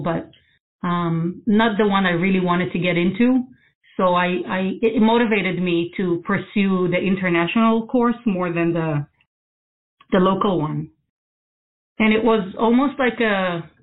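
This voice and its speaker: Woman on a tinny line. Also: mid-range voice. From Israel. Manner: thoughtful, many ums and restarts. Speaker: guest architect. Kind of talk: casual interview answers. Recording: phone-like narrow sound.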